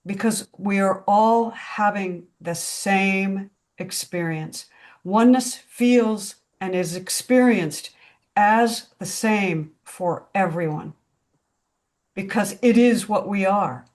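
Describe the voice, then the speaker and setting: A woman facilitating a spiritual discussion group over a video call, speaking in a slow, reflective, contemplative way. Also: mid-range voice, a little mellow.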